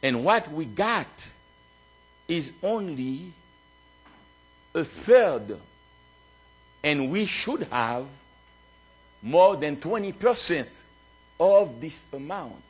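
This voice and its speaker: Haitian pastor preaching with husky brightness. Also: male voice, on the high side, very animated, extremely slow, pauses often. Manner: fervent preaching that swings between quiet telling and shouted exhortation. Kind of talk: sermon.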